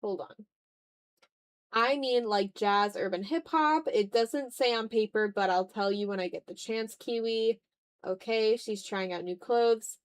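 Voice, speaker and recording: This woman's voice is a little high and a little slow as she chats casually while drawing on a live art stream. She's playful, somewhat dramatic, and swears offhandedly now and then.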